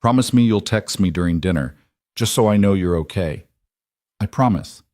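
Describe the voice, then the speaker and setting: A young woman roommate teases and frets over her friend, as a male narrator puts her on. The voice is fairly low, lifted slightly, recorded dry and close. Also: expressive, moderate pace, darkish tone, no room sound. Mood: teasing.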